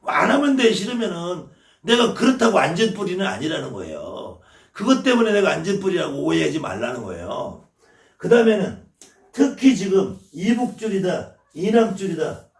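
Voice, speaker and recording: Blunt high-voiced scolding man. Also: very animated, normal speed, echoey room, far from the mic. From Chungcheong, South Korea. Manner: blunt, scolding, swears freely. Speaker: shaman teacher. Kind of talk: lecture to viewers.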